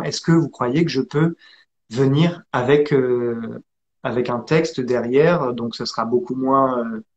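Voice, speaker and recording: A man from France telling his story as an interview guest, hesitant with many pauses and restarts. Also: mid-range voice, darkish tone, dull audio. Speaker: interview guest, acrobat and actor.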